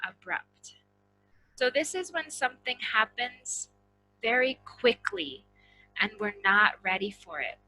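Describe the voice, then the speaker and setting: A woman teaching an English vocabulary and intonation lesson, slowly and deliberately, repeating words so students can practice. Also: fairly high pitch, expressive, pushed and bright, faint music behind, rough recording.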